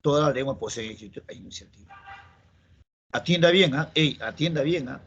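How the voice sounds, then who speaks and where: A man's voice: a little high, normal speed, a bit bright, husky, lo-fi sound. A man with a Peruvian Spanish accent teaching a classroom grammar lesson, repeating key phrases and checking in with students. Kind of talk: classroom lecture.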